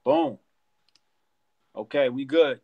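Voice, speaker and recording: A man in his thirties hosting a live stream debate, talking in a relaxed, slangy, chatty way. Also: mid-range voice, takes it slowly, phone-quality sound. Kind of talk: casual live stream chat.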